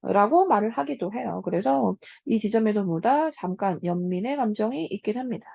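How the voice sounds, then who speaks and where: A woman teacher giving a casual lecture on a classic story, talking straight to her students with many soft hums between points. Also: mid-range voice, animated, moderate pace, creaky, dry recording. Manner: casual, talks to students as 얘들아 with frequent hums.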